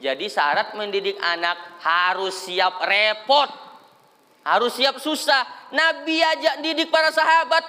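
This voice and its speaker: A man preaching a lively sermon, acting out crying children and fussing parents. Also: high-pitched, a little slow, few pauses, long reverb tail. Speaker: Islamic preacher.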